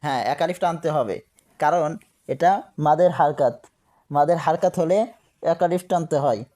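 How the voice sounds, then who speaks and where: A male recitation teacher giving a lesson. He spells out letters and vowel marks and patiently repeats each syllable, chanting the verse more slowly than he explains. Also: fairly high pitch, dark tone.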